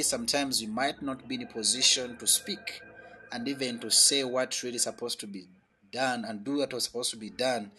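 On a rough recording, a man with a mid-range, sharp-toned voice hosts a faith radio chat show, praying and welcoming listeners. He preaches and prays before moving into hosting the chat, speaking earnestly, slowly and emphatically, his volume swelling at times.

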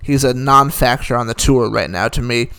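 A man's voice: mid-range voice, moderate pace, bright, forceful tone, clean tone. A man giving a casual, opinionated recap of the day's tennis results, rattling off scores with dry asides. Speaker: tennis commentator.

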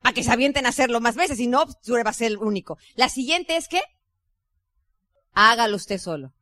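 A woman's voice: a little high, a little fast, no echo, clean studio sound. A woman with a Mexican accent gives a chatty motivational business talk as a network marketing leader, speaking straight to her audience. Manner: chatty, lively, addresses the audience directly.

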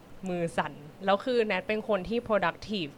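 This young woman talks in a loose, chatty way, rambling on with plenty of fillers. Her voice sits at an ordinary pitch for a woman. A faint hum of room noise stays under her voice. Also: moderate pace. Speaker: podcast guest sharing her fasting routine. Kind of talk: casual chat.

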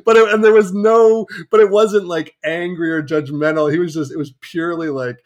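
A young man hosting a podcast, earnest and conversational, growing animated when retelling a story. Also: sits high, normal speed. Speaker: podcast host.

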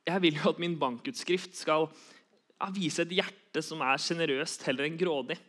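A man's voice: a little high, a bit bright. A young man giving an earnest sermon, repeating key phrases for emphasis. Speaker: preacher.

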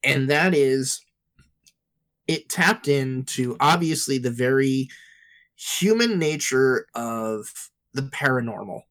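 A man's voice: mid-range voice, animated, takes it slowly, a bit bright. A man in his thirties in a casual podcast chat, rambling, swearing and restarting his sentences. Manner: rambling, profane, self-interrupting. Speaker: podcast co-host.

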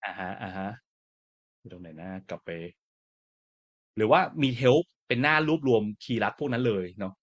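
A man hosting a casual panel discussion, talking in a relaxed, chatty way with lots of fillers. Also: mid-range voice, a little slow, long pauses, dull audio. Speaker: podcast host.

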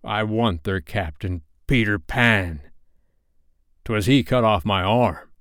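Man playing a slow, menacing storybook pirate captain. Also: fairly low pitch, dry recording, studio quality. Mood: passionate, vengeful. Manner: slow, dark, menacing delivery. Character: brooding, vengeful, petulant male pirate captain. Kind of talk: storybook character voice.

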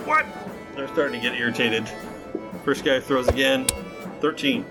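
Mid-pitched male game master over music. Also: fairly even intonation, normal speed. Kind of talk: narrating a tabletop game casually. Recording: music behind the voice.

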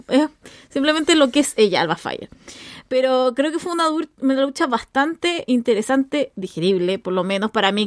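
High-voiced Chilean woman in casual chat. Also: dry recording, studio quality. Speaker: wrestling podcast co-host.

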